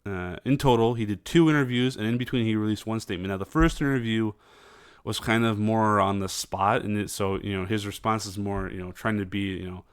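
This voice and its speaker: Low-voiced man rambling political commentary. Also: clean tone, dry recording, studio quality. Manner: halting, many fillers and restarts, mocking put-on voices.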